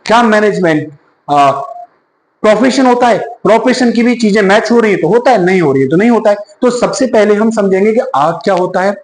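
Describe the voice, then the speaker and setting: A man's voice: sits high, expressive, fairly quick, reverberant, poor audio. A male teacher lecturing to students, often checking in with "yes or no" questions. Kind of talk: classroom lecture.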